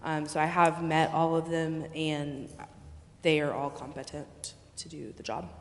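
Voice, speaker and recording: At a public meeting in an echoey indoor council chamber, a city staff member responds to questions about bids in a hesitant, apologetic way. The medium-pitched voice is unhurried and shows little pitch movement.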